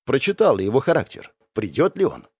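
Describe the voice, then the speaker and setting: A young man narrating a first-person novel aloud, lively with sarcastic asides. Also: medium pitch, a little fast, husky, no room sound. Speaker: audiobook narrator.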